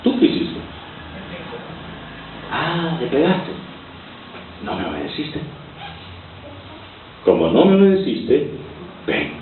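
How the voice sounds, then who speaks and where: A man preaching, voicing God as stern and grave as He rebukes a disobedient servant, in a slow, hushed tone. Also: a little high, wildly swooping pitch, a little hiss or hum, exaggerated voice. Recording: roomy, distant, tinny lo-fi recording.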